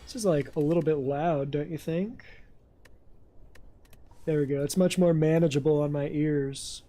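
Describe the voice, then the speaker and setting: A man's voice: fairly high pitch, moderate pace, mellow. A man chats loosely while he plays a video game on stream. He rambles, jokes and swears freely into a desk mic at home. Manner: profane, joking, rambling. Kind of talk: casual game stream commentary.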